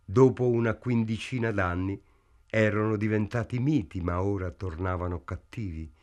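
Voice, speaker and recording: Measured male audiobook narrator. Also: on the low side, darkish tone.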